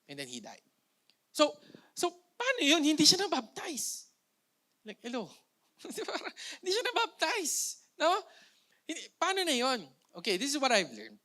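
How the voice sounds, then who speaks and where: A man's voice: sits high, bright, forceful tone. A young man with a Filipino accent preaching a playful, conversational sermon, mixing in jokes and rhetorical questions to the congregation.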